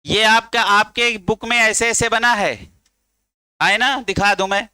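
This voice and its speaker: A man's voice: sits high, fairly even intonation, takes it slowly, sharp tone, smooth, no room sound. A male chemistry teacher giving a classroom lecture, coaxing his students and drilling them to chant along.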